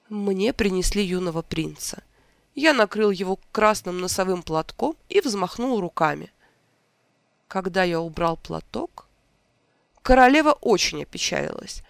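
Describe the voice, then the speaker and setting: A reader voicing an old, sentimental court wizard in a storybook tale, speaking gently with a gravelly edge. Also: mid-range voice, no echo.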